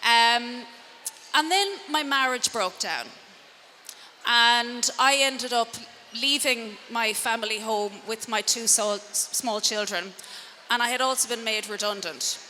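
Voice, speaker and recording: Bright west of Ireland woman speaking in hall. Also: fairly high pitch, slow pace. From Connemara, Galway, west of Ireland. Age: middle-aged. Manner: conversational, rhetorical questions, self-deprecating asides. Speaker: transformative coach and speaker. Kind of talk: motivational talk to a live audience. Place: indoor event room before an audience. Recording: reverberant hall, clear background noise.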